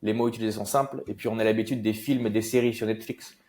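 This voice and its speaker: A young man from Marseille talks through his story as an interview guest. His voice sits low, and he speaks loosely, pausing on fillers and restarting his sentences. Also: fairly even intonation, darkish tone. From Marseille, France. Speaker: guest investor. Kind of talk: casual interview talk.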